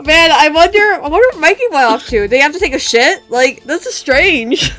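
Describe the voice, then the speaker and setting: A woman's voice: high voice, animated, fairly quick, fairly bright tone. A young woman streamer chatting casually with friends while playing a game, teasing them and laughing often. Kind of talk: casual let's-play chat.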